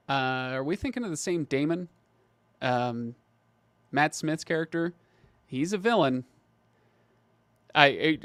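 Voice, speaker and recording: A man with a gravelly, mid-pitched voice chats casually on a livestream, stumbling over restarts before landing his points. The sound is close and dry, with no room in it. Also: dry recording. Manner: hesitant, many restarts, reads out viewer comments. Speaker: livestream host.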